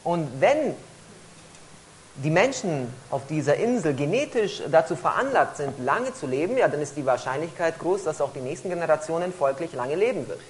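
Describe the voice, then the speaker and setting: A woman interpreting a talk phrase by phrase, often pausing and hesitating as she searches for words. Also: sits low, very animated, slight background noise, rough recording. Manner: frequent hesitations while rendering each phrase. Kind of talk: consecutive interpreting into German.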